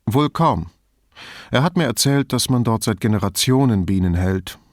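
A man's voice: medium pitch, animated, dry recording, studio quality, lightly acted. A man reading a reflective police commissioner. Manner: measured, thoughtful. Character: reflective middle-aged male police commissioner. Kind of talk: audiobook character reading.

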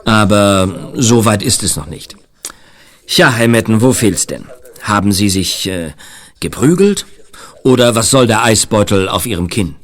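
A calm police inspector. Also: male voice, on the low side, measured pace. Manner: calm, hesitant, with many "äh"s.

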